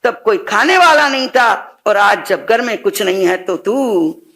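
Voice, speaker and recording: A woman's voice: medium pitch, animated, measured pace, a bit bright. A woman preacher voicing a poor widowed mother who sorrowfully laments to her son. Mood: lamenting.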